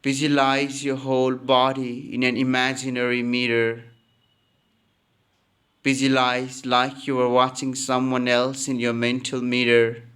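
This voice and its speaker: A yoga nidra teacher, a man with a very smooth, resonant voice, guides a relaxation practice. He speaks slowly and calmly in a steady monotone, often repeating a phrase.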